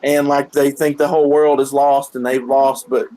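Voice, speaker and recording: A man in a casual stream chat, agreeable and quick to chime in. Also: mid-range voice, little pitch movement, mellow, slight background noise, poor audio.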